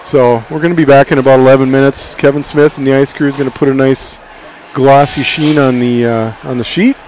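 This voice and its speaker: A man's voice: mid-range voice, steady tone, a little fast. A middle-aged man giving folksy, partisan play-by-play commentary at a hockey game in an ice arena. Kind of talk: local sports commentary. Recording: loud crowd, noisy arena. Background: crowd and arena noise.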